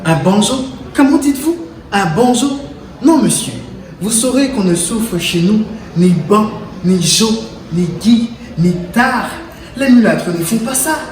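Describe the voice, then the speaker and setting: Guy doing a strict indignant mom, hammy stage acting, voice pushed up high, echoey room. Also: lively intonation, a little slow. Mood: indignant, haughty. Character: stern, scolding, haughty mother correcting her son. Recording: roomy, distant mic, clear background noise.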